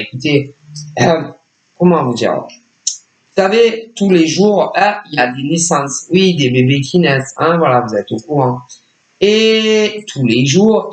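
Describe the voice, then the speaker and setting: A man's voice: mid-range voice, echoey room, low-quality recording. A man giving a casual spoken tarot reading as a psychic, hesitant and repetitive, full of filler words. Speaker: psychic reader.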